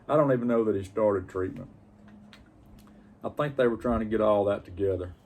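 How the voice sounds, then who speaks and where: A man telling a personal story casually, in a plain-spoken, halting, reflective way. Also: fairly low pitch, darkish tone. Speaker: pipe-smoking vlogger.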